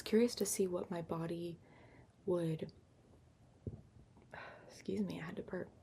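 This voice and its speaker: Whispering woman, creaky, lo-fi ASMR ramble. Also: medium pitch. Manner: hushed, unhurried whispering with occasional soft voice. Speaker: ASMR vlogger. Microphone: built-in laptop microphone, up close. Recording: lo-fi laptop microphone, clear background noise. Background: tapping and keyboard-like scratching sounds.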